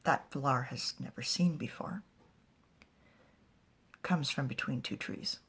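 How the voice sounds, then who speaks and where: A woman telling a fantasy story aloud in an animated way, often dropping to a whisper. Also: a bass voice, takes it slowly. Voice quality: husky and breathy.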